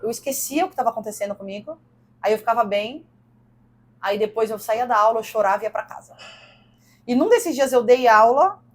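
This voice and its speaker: A woman's voice: on the high side, expressive, fairly quick. A woman in her thirties with a Brazilian Portuguese accent, a podcast guest and gym coach telling a personal story in an earnest, emotional way, repeating words for emphasis.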